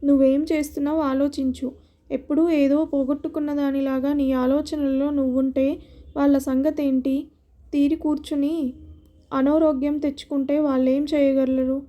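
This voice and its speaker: A woman's voice: high-pitched, flat delivery, normal speed, mellow, lightly acted. A woman voicing a caring, outspoken middle-aged woman who teases and scolds her friend. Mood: scolding. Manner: teasing, then scolding.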